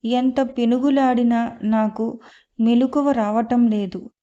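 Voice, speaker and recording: A woman's voice: fairly high pitch, fairly even intonation, slow, dark tone. A woman voicing a frightened young woman, weak and pleading, in a storybook reading. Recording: slightly muffled lo-fi.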